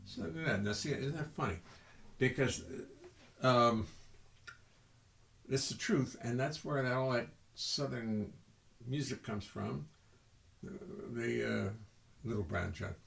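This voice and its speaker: An older man from the American South, a bassist and singer, chatting loosely and with self-mockery between folksy songs. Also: slow pace, vocal fry, pauses often. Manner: rambling, self-mocking, sings folksy tunes. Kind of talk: live-stream chat and song. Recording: roomy sound with loud music behind.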